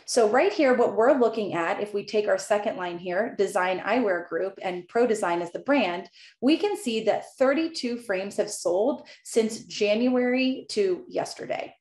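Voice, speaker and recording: A woman in her thirties presents a software tutorial in an upbeat, clearly scripted manner, with a voice of middling pitch. She speaks from a room at home into a webcam, and the walls give her voice a noticeable echo. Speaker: software company VP presenting a product. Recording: echoey room.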